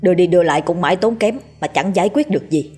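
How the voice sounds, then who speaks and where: A woman's voice: lowish voice, fast talker, darkish tone, slightly rough, faint music behind. A woman voicing a practical, dutiful adult son in a ghost story, speaking earnestly.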